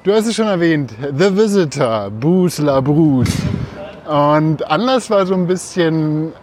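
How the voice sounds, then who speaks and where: Higher-voiced man talking on a walk. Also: expressive, unhurried, darkish tone. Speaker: podcast co-host. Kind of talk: casual explanatory chat while walking. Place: outdoors in a city, walking. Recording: faint outdoor ambient noise. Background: faint outdoor ambience.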